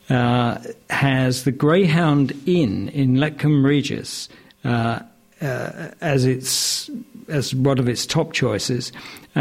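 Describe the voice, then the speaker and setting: A man reading a local news story aloud, hesitant and filling pauses with uh sounds. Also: medium pitch, a little mellow, husky. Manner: hesitant, many filler sounds. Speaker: news reader.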